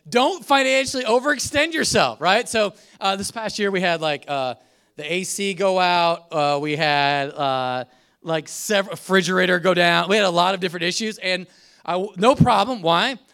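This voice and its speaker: Animated, chatty male pastor. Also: sits high, moderate pace, gravelly. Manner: conversational, animated storytelling with laughs. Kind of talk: sermon.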